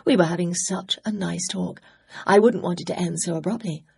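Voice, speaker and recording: Lady doing a giggly girlish hostess in an audiobook, chatty and gushing, husky gravelly voice. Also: on the low side, fairly quick, warm tone, heavily acted. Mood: insistent.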